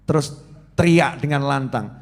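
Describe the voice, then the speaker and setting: A man, preaching a religious study sermon with animated storytelling and acted-out quotes. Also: normal speed. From Indonesia. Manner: animated storytelling, acts out quotes with shifting pitch and loudness.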